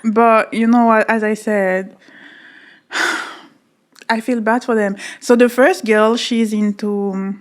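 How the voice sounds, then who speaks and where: A woman's voice: on the high side, fairly even intonation, slow, pauses often. A woman co-hosting a podcast in casual chat, telling stories earnestly and laughing easily. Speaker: podcast co-host.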